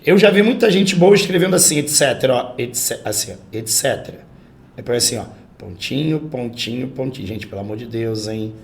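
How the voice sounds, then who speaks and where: A man with a Brazilian accent teaching an online grammar class, lively and emphatic, acting out example sentences. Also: mid-range voice, brisk, creaky, a little hiss or hum. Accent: Brazilian Portuguese. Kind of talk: online exam-prep grammar lesson.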